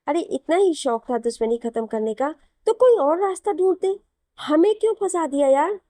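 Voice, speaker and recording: A woman's voice: high-pitched, animated, normal speed, warm tone, dry recording, studio quality, pitched above the performer's own voice. Woman reading as a sarcastic young husband. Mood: irritated. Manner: irritated, sarcastic bickering. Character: young hot-tempered man, new husband. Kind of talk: Hindi audio novel reading.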